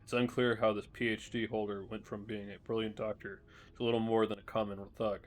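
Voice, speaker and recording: A male streamer reading journal entries from a video game aloud in a measured way, with small restarts. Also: on the low side, level tone.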